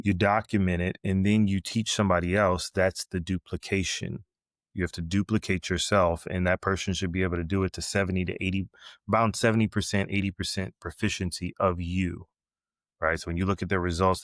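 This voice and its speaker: A man's voice: low voice, level tone, brisk, dry recording, studio quality. A man speaking as a business coach guest on a podcast, explaining step by step and checking in with "right?" as he goes, with many fillers. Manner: explanatory, ends points with "right?"; frequent fillers and restarts. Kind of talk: podcast interview.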